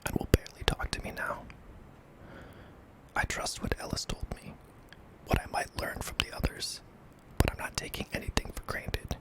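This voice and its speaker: A man narrating a scary story in a hushed, breathy ASMR whisper, deliberate and broken into short phrases. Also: rough recording. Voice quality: breathy, mostly unvoiced whisper with some creak.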